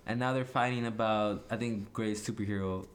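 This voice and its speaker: Laughing director in a roomy commentary. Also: male voice, on the low side, a little fast. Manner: laughs often, excitable, repeats words. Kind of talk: casual film commentary chat. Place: room with others watching a film. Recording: roomy echo, faint background noise.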